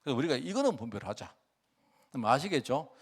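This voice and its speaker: A man preaching a sermon as pastor, talking conversationally and often asking the congregation questions, with lively swings in pitch and loudness. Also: quick pace, husky.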